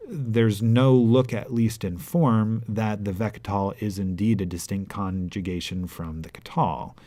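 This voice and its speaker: A man teaching a grammar lesson in a patient, deliberate way, sometimes slowly chanting verses. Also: on the low side, warm tone, dry recording. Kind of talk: explanatory lecture.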